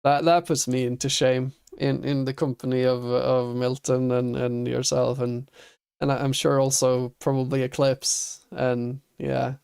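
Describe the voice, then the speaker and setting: A man's voice: mid-range voice, level tone, a little slow, gravelly, darkish tone, clean tone. A man streaming a building game, thinking aloud and chatting with viewers, laughing easily. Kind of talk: casual chat while playing a building game.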